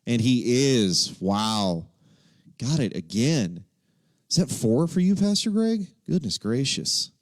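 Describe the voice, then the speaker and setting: A man's voice: medium pitch, big pitch swings, takes it slowly, no room sound, studio quality. A man from Texas, casually hosting a live quiz and thinking aloud as he reads out the answer options. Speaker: livestream quiz host.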